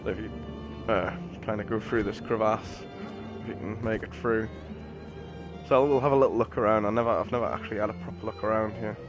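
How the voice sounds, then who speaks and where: A man commentates his gameplay briskly, his fairly low voice keeping fairly even intonation. He's a streamer rambling casually, matter-of-fact and full of slang, with the game's music and effects in the background.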